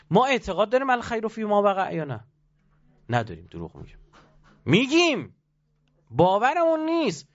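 A man giving a lively religious talk, asking the audience rhetorical questions and acting out short exchanges between people. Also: medium pitch. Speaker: cleric or religious speaker. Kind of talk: sermon. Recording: dull lo-fi recording.

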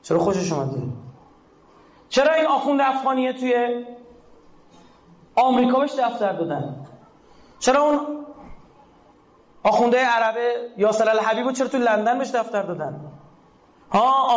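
A man from Iran preaching a religious sermon, swinging between shouted peaks and hushed lows. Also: expressive, pauses often. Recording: echoey, slightly dull recording.

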